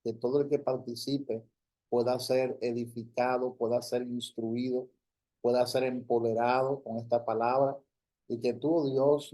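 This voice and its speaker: Male pastor, slow and even delivery, mellow dark tone, solemn repetitive prayer, church service. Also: mid-range voice. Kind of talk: sermon prayer.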